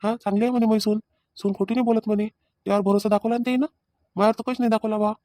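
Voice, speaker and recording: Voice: medium pitch, flat delivery, racing, mellow, no room sound, clean studio sound, close to an everyday voice. A performer voicing a remorseful young husband in a cartoon family drama who pleads and defends himself, speaking. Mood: aggrieved.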